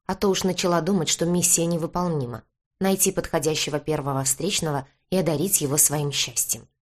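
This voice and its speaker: Low-voiced woman narrating a wry tale. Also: steady tone, brisk. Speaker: audiobook narrator. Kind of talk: first-person fiction narration.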